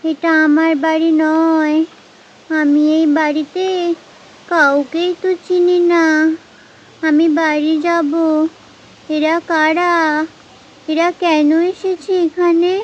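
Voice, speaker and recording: Woman doing a dazed young village wife, lost and pleading, high voice, slow. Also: flat delivery, highs cut off. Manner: bewildered, pleading.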